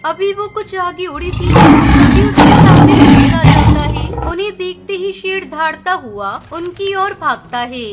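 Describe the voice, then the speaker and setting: A woman with a very high voice reads the scripted narration of a children's story as its storyteller, at a measured pace with few pauses. A clear music bed plays underneath.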